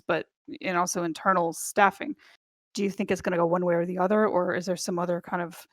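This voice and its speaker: A woman's voice: fairly low pitch, no echo. Woman moderating a panel.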